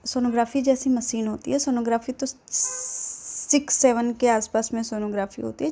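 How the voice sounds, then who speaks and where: A woman casually retells a drama's plot, chatty and wandering off into asides. Her voice sits high with a gravelly fry. The tone is dark and mellow rather than bright. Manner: chatty, digressive, many fillers. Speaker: storyteller.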